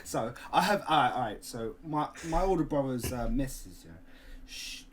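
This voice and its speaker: A man's voice: medium pitch, normal speed, noisy background. A man from London with a Cockney accent, co-hosting a casual podcast chat and joking and laughing often. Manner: jokey, laughs often, lively storytelling. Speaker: podcast co-host.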